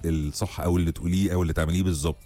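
Deep, very fast Egyptian man, animated co-host. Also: soft background music. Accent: Egyptian Arabic. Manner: joking, bantering. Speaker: radio show co-host. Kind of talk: casual chat.

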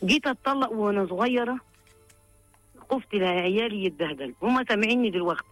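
An older Upper Egyptian woman calls in, recounting her hardship in an expressive, pleading and emotional manner, repeating herself often as she asks for advice. Her medium-pitched voice is fast and slightly bright, recorded dry with faint music behind.

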